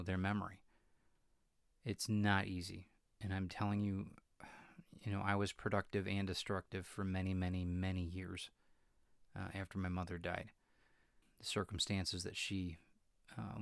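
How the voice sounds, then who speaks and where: A middle-aged man with a very low voice talks through a reflective solo podcast. He speaks in a flat, even tone and often pauses with fillers and restarts. The sound is dry and close. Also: gravelly, no echo. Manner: halting, with many fillers and restarts. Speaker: podcast host.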